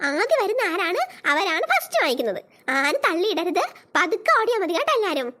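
A woman's voice: very high voice, sing-song, fairly quick, pushed and bright, pitched below the performer's own voice, full character voice. A woman voicing a kind preschool teacher in a cartoon, speaking in a coaxing, patient way. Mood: instructing.

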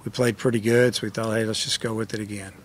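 A man's voice: fairly low pitch, flat delivery, fast, a little hiss or hum. A middle-aged man, a college baseball head coach, answering questions at a post-game press conference in a matter-of-fact way, with lots of fillers. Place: press conference room with a sponsor backdrop. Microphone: table microphone.

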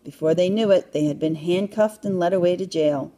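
A woman reading a children's storybook aloud in a calm, even narration. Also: on the low side, a little fast. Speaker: children's book reader.

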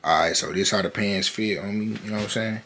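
A man's voice: lowish voice, fast. A young man chatting casually to his vlog camera at home in a bedroom, slangy and repeating his phrases. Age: young adult. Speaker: vlogger. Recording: clearly noisy background.

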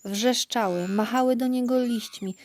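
A woman narrating a children's audiobook in a calm, clear storytelling voice. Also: a little high, unhurried, background noise. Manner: calm, even, clear reading.

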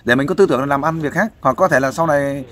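A man's voice: a little high, fast, a bit bright. A man giving fatherly, persuasive advice in a casual interview, often asking for agreement. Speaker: volunteer counselor interviewing a guest.

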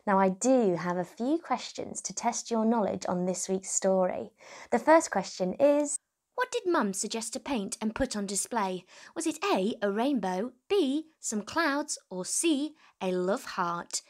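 Her voice is a little high and expressive, delivered at a measured pace. A woman in her twenties, she hosts and reads for a children's storytime, speaking encouragingly and directly to the children watching.

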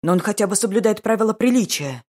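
A woman voicing a stern older brother who speaks with indignation, hissing and gloomy, read with a husky voice. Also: medium pitch, animated, quick pace, a little mellow, pitched above the performer's own voice, natural voice. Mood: indignant.

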